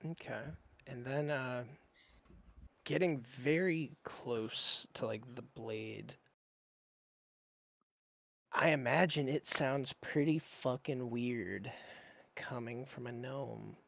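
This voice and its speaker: A man's voice: mid-range voice, takes it slowly, vocal fry, long pauses, a bit bright, no room sound, muffled recording. A man playing a tabletop role-playing game, casually describing his character's actions. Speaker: player.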